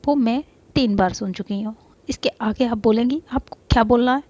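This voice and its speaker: A woman's voice: on the high side, normal speed, darkish tone, lightly acted. A woman voicing an impatient young woman who teases in curt, short lines. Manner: curt and teasing.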